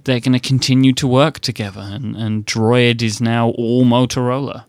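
Man, mid-pitched, dry recording, tech podcast co-host, joking, rambling. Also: little pitch movement, normal speed, no room sound. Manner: loose, joking, hedging with "like". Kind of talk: casual tech chat.

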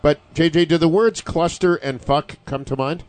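A man's voice: a little high, moderate pace, a little mellow, dry recording. A man giving analytical wrestling commentary in a casual chat, with wordy, mock-formal, sardonic phrasing.

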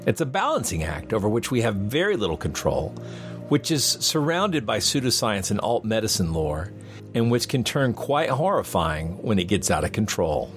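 Male science host, curious and bright in manner, lower register, very varied intonation, scripted and articulate. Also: very animated, moderate pace, soft background music. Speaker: podcast host. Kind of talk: scripted narration and show introduction.

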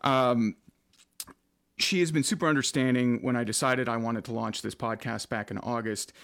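A man's voice: mid-range voice, moderate pace, gravelly, fairly bright tone. Guy late 30s chatting on his podcast, lots of ums, basement studio. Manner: chatty, rambling with many fillers. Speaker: podcast host and radio host. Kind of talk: casual podcast chat.

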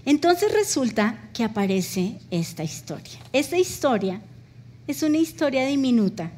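A middle-aged woman with a high voice delivers a sermon. She tells stories with strong emotion and acts out the dialogue, her pitch rising and falling. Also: big pitch swings, moderate pace, darkish tone, slight background noise. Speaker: pastor.

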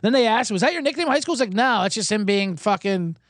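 A man's voice: high voice, lively intonation, quick pace, a bit bright, no room sound, studio quality. A man hosting a sports betting show in a rambling, joking, profane way. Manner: rambling, riffing and joking, breaks into mock accents. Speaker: sports betting podcast host. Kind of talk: casual, profane betting chat.

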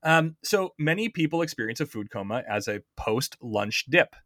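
A man's voice: medium pitch, expressive, normal speed, sharp tone, dry recording, clean studio sound. A man hosting a podcast, casually explaining science step by step and often checking in with his co-host.

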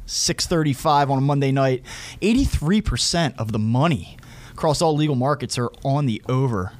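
A man's voice: mid-range voice, expressive, moderate pace. A man giving conversational sports and betting analysis as a podcast commentator.

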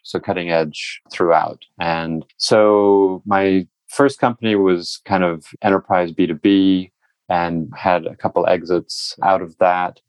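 A man speaking as a guest in an interview, relaxed and rambling, with the odd laugh. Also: low-pitched, no echo, rough recording. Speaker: guest, entrepreneur and investor. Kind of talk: casual interview talk.

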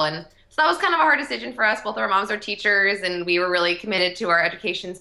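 A woman's voice: fairly low pitch, bright, forceful tone. A young adult woman, a company co-founder, giving eager, upbeat answers as a guest in a casual interview.

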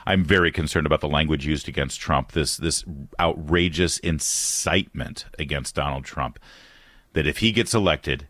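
A man's voice: a bass voice, normal speed, dry recording. A man hosting a talk radio show, ranting with passion and mocking his opponents before taking calls. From Detroit, USA. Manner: impassioned, mocking, animated. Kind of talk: talk radio monologue and call-in.

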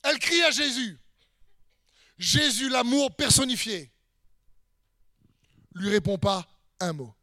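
Male preacher, very high and bright, emphatic and repetitive, dry close sound. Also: animated, takes it slowly, long pauses, no echo. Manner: emphatic, with repeated hammering phrases, sometimes shouting; speaks straight to the listener with questions. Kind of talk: sermon.

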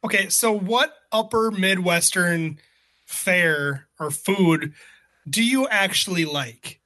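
A man's voice: high-pitched, slow pace, sharp tone. A man hosting a sports podcast, chatting casually and teasing his co-host. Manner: joking, teasing banter.

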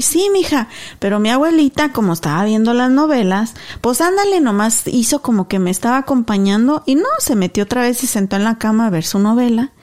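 A woman in her thirties, a podcast co-host, telling a story casually and acting out the voices of the people in it. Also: a little high. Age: 30s. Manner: animated storyteller, acts out dialogue.

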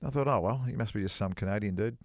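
A middle-aged man, a former touring golf pro, co-hosting a podcast and telling an animated anecdote in casual chat. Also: rapid-fire, dry recording, studio quality. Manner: animated anecdote teller, rises high acting out quoted dialogue.

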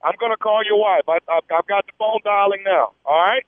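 A man heard over the phone, calmly and politely posing as a police officer and pausing often with "uh". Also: high voice, dry recording. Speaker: radio prank caller. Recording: tinny phone line, dry.

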